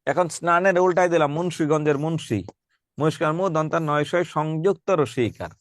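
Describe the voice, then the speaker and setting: A man teaching a classroom lecture, emphatic and repeating key points, spelling words out slowly. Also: a little high, no room sound, clean studio sound. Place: classroom with students.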